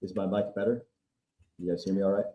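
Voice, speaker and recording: A man's voice: deep voice, fairly even intonation, fast talker, mellow, dull audio. A man hosting a livestream chat in a laid-back, cheerful way, his voice sounding super echoey and far away from a webcam mic. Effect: super echoey, distant sound from a webcam mic. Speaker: livestream host.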